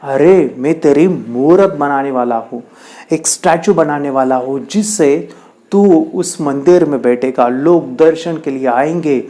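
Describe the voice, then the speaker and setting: A man's voice: fairly high pitch, a little slow, warm tone, natural voice. A man voicing a puzzled, patient sculptor in a spoken story, coaxing a stone to bear the pain. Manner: coaxing, explaining.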